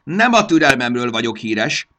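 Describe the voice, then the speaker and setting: A man voicing a cranky old male elf who guards a treasure room, with a creaky, unpleasant voice, loud, impatient and boastful. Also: medium pitch, wildly swooping pitch, voice pushed up, full character voice.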